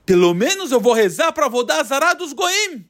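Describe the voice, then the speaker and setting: A man's voice: extremely high pitch, very animated, moderate pace, fairly bright tone, voice pushed up, heavily acted. A man acting out a poor, sorrowful man who pleads and frets in a children's story. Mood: pondering. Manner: pleading, tearful.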